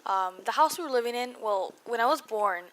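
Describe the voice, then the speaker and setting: A woman's voice: on the high side, expressive, fairly quick, a bit bright. A young woman from California with an American accent and slightly muffled articulation from braces, telling her story as a casual vlog voice-over, rambling and interrupting herself with self-deprecating asides. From California, United States. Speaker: video blogger.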